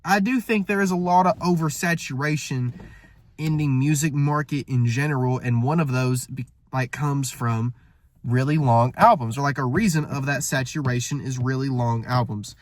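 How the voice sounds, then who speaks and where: Here a male music reviewer speaks at medium pitch and normal speed, his voice congested and nasal because a cold is coming on. He gives a loose, casual album review, wandering off track and often fixing his words mid-sentence.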